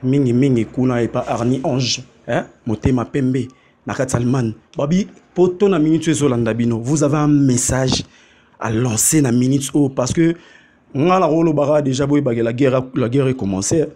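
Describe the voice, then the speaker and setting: A man hosting an interview in a lively way, hyping things up and switching between languages as he talks. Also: medium pitch, moderate pace. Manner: animated, mixes languages, hype-man style.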